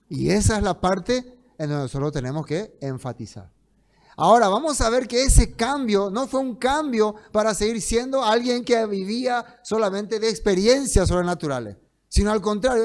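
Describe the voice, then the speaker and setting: A man teaching a Bible study in sermon style, emphatic, with loud stresses that fall to soft trailing phrases, slowing down to read scripture. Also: high-pitched. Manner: slows down to read scripture aloud.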